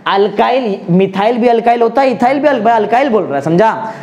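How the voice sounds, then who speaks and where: A man with an Indian accent teaching a chemistry class, drilling students with slow repetition, coaxing and joking. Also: very high voice, animated, a little mellow, highs cut off. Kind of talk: classroom lecture.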